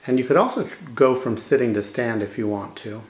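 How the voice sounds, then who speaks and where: Calm male therapist explaining a demonstration. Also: medium pitch, fairly quick, a little hiss or hum, poor audio. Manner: calm, explanatory, speaks gently to the patient. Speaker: manual physical therapist. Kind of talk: clinical demonstration. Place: treatment room.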